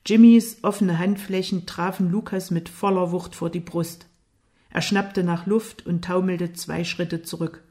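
A woman reading a novel aloud as narrator, with expressive storytelling. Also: fairly low pitch, unhurried. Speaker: audiobook narrator. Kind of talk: scripted narration.

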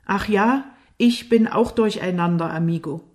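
A woman voicing an angry, jealous young man who speaks loudly and with hostile taunts, in an audiobook. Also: lowish voice, unhurried, natural voice. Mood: taunting.

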